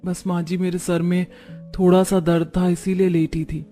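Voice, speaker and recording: A woman's voice: lowish voice, level tone, moderate pace, mellow, faint music behind, lightly acted. A woman voicing a timid young bride in a cartoon story who speaks meekly and anxiously. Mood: fearful. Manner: meek, anxious.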